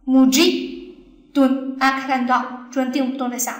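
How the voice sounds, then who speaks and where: A high-pitched woman teaches a recorded language lesson. She explains each point slowly, stops often to ask the class questions, and sounds roomy and echoey. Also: monotone. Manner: patient, explains step by step, asks the class questions. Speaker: Arabic teacher.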